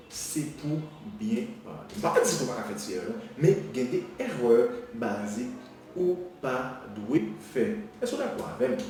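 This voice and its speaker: Lively man teaching in an echoey room. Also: mid-range voice, recorded from a distance, slight background noise. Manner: lively, switching between teaching and mock dialogue, laughs often. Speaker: language teacher. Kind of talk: casual video lesson.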